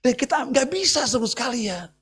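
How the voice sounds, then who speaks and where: A man preaching a sermon to an online congregation in an animated, joking way, often asking the listeners whether they agree. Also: extremely high pitch, brisk, a little hiss or hum. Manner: animated and joking, asks the congregation "betul nggak?". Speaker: pastor. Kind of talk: sermon at an online church service.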